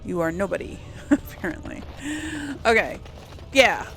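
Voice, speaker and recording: With game ambience clearly audible behind her, the host of a role-play let's-play series muses to herself in hesitant, rambling commentary. Her lowish, somewhat bright voice has lively intonation and a measured pace, though the recording is rough.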